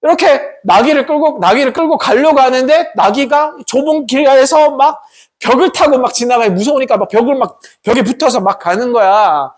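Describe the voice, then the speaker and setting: A man preaching a lively story sermon to students, often asking them questions. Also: extremely high pitch, moderate pace. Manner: animated storytelling with questions to the audience. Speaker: pastor.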